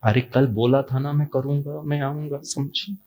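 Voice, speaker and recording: A man voicing God as a patient parent, gently telling a child not to worry. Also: fairly high pitch, fairly even intonation, normal speed, lightly acted. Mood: reassuring. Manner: gentle, reassuring.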